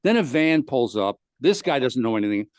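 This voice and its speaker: A mid-range male voice, fairly quick, belongs to a podcast host recounting a long comic anecdote and vividly performing the other people's lines. The recording is dry, with clean studio sound.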